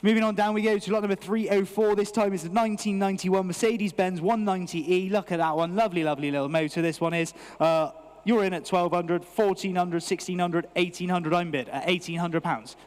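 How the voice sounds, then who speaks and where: British male auctioneer, high-set voice, rhythmic repeated bid calls, long hall reverb. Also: steady tone, brisk. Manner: repetitive rhythmic chanting of figures. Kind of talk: live auction bid calling.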